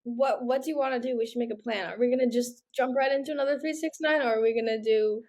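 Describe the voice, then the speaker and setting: A woman's voice: on the high side, quick pace, a little mellow. A woman co-hosting a podcast in casual chat, upbeat, often hesitating with "um" and "like". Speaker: podcast co-host.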